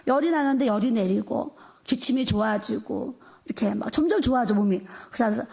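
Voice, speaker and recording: A woman's voice: a little high, moderate pace, gravelly, a little mellow. A middle-aged woman, a pastor's wife, giving a sermon that tells her own story with emotion and acted quotes. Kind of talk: testimony sermon.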